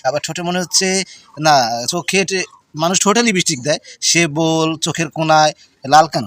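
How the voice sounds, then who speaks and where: A man's voice: fairly high pitch, moderate pace, fairly bright tone, no room sound. A man teasing a child and talking to viewers in a playful family vlog. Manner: teasing, addresses viewers directly. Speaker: vlogger filming a child.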